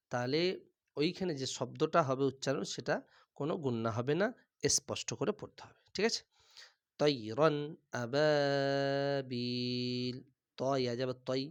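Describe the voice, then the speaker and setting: Man, quran teacher, slow syllable-by-syllable drilling, smooth clear voice, slightly high, frequent throat clearing. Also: fairly bright tone. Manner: patient, repeats each syllable slowly; clears his throat often. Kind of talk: recitation class, spelling out letters.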